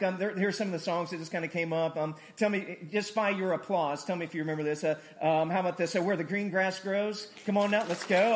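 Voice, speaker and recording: A man preaching a sermon to his congregation in a lively, conversational way, joking and asking for responses. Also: sits high, a little hiss or hum. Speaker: pastor.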